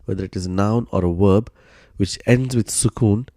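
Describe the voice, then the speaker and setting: A man teaching a grammar lesson in a low, mellow voice. He explains patiently and step by step, leaning on "so" and "uh" as he goes. The sound is dry and close, with no room around it. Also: normal speed, no room sound.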